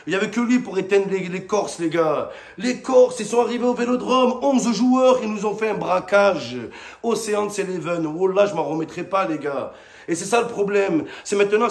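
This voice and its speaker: A man rants about a football match in a high, gravelly voice. He mocks the players loudly and breaks into sudden shouts. The room around him is echoey. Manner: loud, mocking rant with sudden shouts. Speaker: football fan vlogger. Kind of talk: ranting match debrief to camera.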